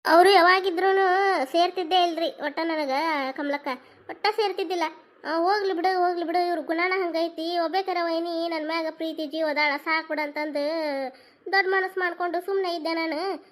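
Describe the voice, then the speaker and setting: A woman's voice: very high-pitched, fairly even intonation, normal speed. A woman with a North Karnataka accent playing a hurt, tearful young married woman in a homemade village family drama, speaking in a plaintive, complaining way. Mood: aggrieved. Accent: North Karnataka Kannada.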